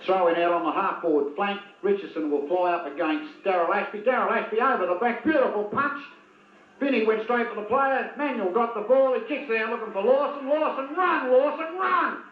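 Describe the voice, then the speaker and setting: A high-voiced man speaks briskly while calling an amateur football game, taking sides openly and jeering at players by name. The footage is an old lo-fi video with a tinny, echoey sound.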